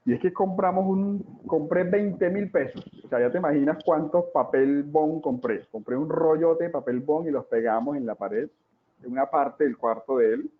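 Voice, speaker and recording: A man in his forties giving a talk on child development, dramatic and full of rhetorical questions and drawn-out repetitions. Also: a little high. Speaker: parenting educator. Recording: tinny, phone-like sound.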